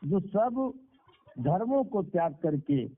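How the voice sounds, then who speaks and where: Speaking through a tinny conference-call connection, this higher-voiced man preaches a devotional message built on moral storytelling. His delivery is slow and sing-song, and he keeps repeating phrases to drive points home.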